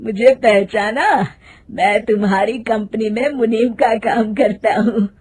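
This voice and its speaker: A woman's voice: a little high, steady tone, takes it slowly, background noise. A woman doing a worried old clerk man. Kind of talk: storybook voice acting.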